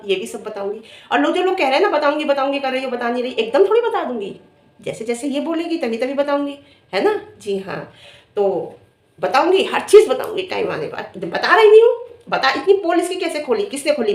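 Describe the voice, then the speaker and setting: A middle-aged woman vlogger who scolds and taunts a rival directly in a confrontational rant. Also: on the high side. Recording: echoey room.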